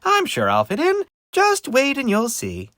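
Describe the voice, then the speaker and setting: Storyteller as cheerful storybook pumpkin, high childlike voice, very animated, kind, eager to please. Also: unhurried, no room sound, studio quality, heavily acted. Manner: bubbly, sweet, eager to please.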